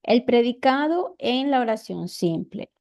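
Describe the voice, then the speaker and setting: Woman teacher, Ecuadorian accent, slow deliberate grammar lesson, fairly high, mellow tone. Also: animated. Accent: Ecuadorian Spanish. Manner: slow, deliberate, repeats examples.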